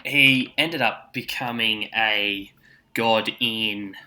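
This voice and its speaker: A man's voice: on the low side, extremely slow, sharp tone. An Australian man co-hosting a casual podcast chat with his mates, talking in matey, slangy Aussie tradesman fashion. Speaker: podcast co-host.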